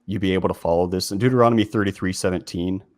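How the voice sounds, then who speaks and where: A man's voice: sits low, very fast, a little mellow, no room sound. A man hosting a video essay in casual commentary, talking informally with lots of fillers and restarts.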